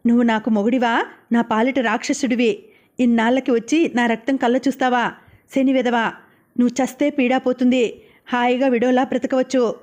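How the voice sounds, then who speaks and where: A woman voicing a proud, sharp-tongued young wife who speaks bluntly and defiantly. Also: fairly high pitch, level tone, moderate pace, close to an everyday voice. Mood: tearful, furious.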